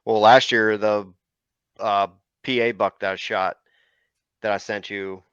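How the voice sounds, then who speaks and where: A man's voice: lowish voice, flat delivery, measured pace, a bit bright, clear, resonant tone, no echo. A man hosting a podcast, chatting casually and telling a story with fillers. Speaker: podcast host. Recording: dry, slightly muffled recording.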